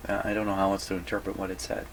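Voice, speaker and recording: Presenting a video from his indoor radio repair workshop, an older hobbyist who repairs vintage radios talks in a low register against audible background noise. His folksy, rambling, self-deprecating chatter sounds like thinking aloud during a workbench demonstration, delivered in a monotone and very fast.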